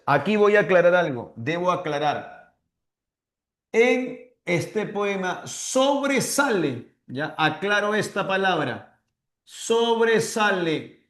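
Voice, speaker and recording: A man's voice: on the high side, roomy sound. A man teaching literature in an online class, stretching out words as he dictates verses and playfully imitating confused students.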